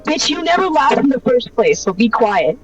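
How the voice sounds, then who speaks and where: A young woman friend in a let's-play, bantering crudely and swearing in an unhurried, high voice. Her audio sounds distant and a bit dull, with faint game music behind. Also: big pitch swings. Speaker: co-player friend. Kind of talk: casual let's-play chat.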